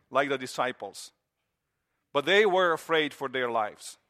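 Guy in his 40s giving a sermon, pretty high voice, talks earnest and chatty. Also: bright, forceful tone. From Romania. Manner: earnest, conversational preaching with repeated phrases. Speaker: pastor.

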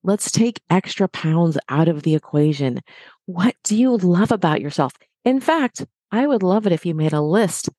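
Low, mellow-voiced woman giving pep talk. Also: animated, normal speed, no room sound. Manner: encouraging, direct to listeners. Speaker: fitness expert guest. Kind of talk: motivational podcast talk.

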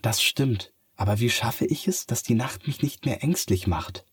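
A man's voice: mid-range voice, expressive, moderate pace, breathy edge, no room sound, studio quality, pitched above the performer's own voice. A man voicing a sleepless, stubborn young girl in a bedtime story, asking doubtful questions.

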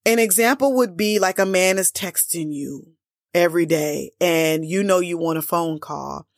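A woman with a fairly low voice coaches her viewers on dating in a blunt, emphatic way, full of casual slang and "like" fillers. The sound is dry and close, with no room echo. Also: normal speed. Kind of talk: direct-to-camera coaching talk.

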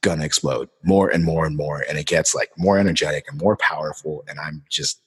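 A man's voice: extremely low pitch, fairly quick, a bit bright, breathy edge, big-room sound. A man in casual podcast conversation, telling a story animatedly, laughing and swearing casually.

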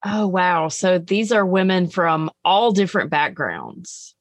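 A woman's voice: fairly low pitch, expressive, takes it slowly, no echo. A woman hosting an interview podcast, speaking in an earnest, encouraging way. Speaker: podcast host. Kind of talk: interview host, reading an introduction.

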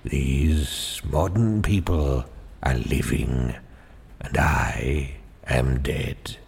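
A man voicing a feeble, dying, very old Father Christmas who talks slowly and wearily. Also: a bass voice, creaky, a little mellow, husky, voice pushed down, exaggerated voice. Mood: weary, puzzled. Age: older. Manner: slow, weary, faint. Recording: long hall reverb.

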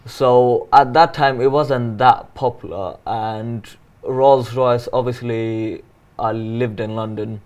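A man's voice: mid-range voice, steady tone, slow pace, darkish tone. A man in his twenties talking in a casual conversation about his engineering apprenticeship, earnest and often restarting sentences. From Finland. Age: 20s.

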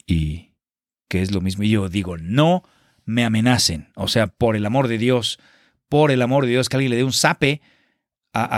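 A man's voice: mid-range voice, dry recording, clean studio sound. Exasperated man reviewing a film. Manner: exasperated, sarcastic, colloquial. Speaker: film critic. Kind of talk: casual spoken film review.

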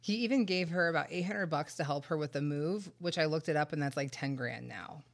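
A true-crime podcast host with a low voice speaks briskly, telling the story in a conversational way with sarcastic, wry asides. Her congestion and shortness of breath come from a head cold.

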